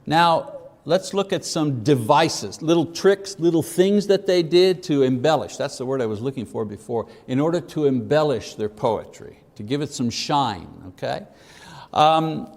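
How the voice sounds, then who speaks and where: A man giving an informal Bible lesson, unhurried, often checking with listeners and filling pauses with "uh". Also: on the high side. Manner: unhurried, asks listeners "okay?", fills gaps with "uh". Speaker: Bible teacher. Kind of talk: informal classroom lecture. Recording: long hall reverb.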